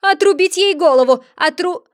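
A woman reading aloud and voicing a shrill, tyrannical queen of cards who barks curt orders. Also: normal speed, fairly bright tone, no echo, clean studio sound. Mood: shrieking rage. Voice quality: shrill, shrieking.

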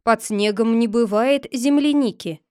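A woman voicing a stern but kind old bearded man with a rough voice, in a read-aloud fairy tale. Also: on the high side, a little slow, darkish tone, dry recording, clean studio sound, natural voice.

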